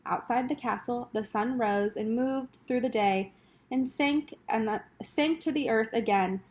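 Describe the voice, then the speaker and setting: A woman's voice: on the high side, unhurried. Woman reading a children's novel aloud. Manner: expressive storytelling, addresses the reader directly. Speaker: teacher reading to pupils.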